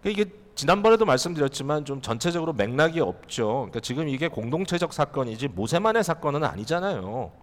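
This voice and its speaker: A pastor preaches to his congregation in an animated, rising and falling voice, posing rhetorical questions directly to them. He's a fast talker with a slightly high voice and few pauses. His words ring out with a long reverb, as in a church hall.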